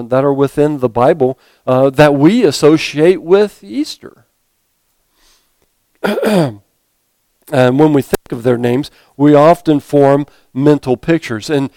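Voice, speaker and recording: A man's voice: mid-range voice, darkish tone, smooth, no echo. A man preaching a sermon as a pastor, talking conversationally with frequent fillers and self-corrections.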